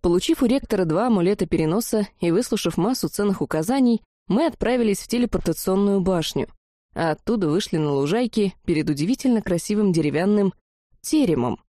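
A woman reading a fantasy audiobook in an even, measured way. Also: medium pitch, dry recording, clean studio sound. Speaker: audiobook narrator.

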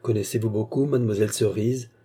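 A man reading a novel aloud, voicing a respectful young nobleman who speaks gently to a lady and gives his servant firm orders. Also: on the low side, steady tone, quick pace, slightly rough.

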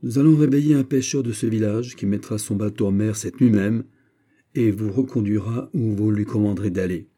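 A man reading a commanding exiled king, low and husky. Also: warm tone, lightly acted. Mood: courtly. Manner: measured, courtly, gives orders. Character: proud exiled young king, calm and commanding. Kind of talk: audiobook character reading.

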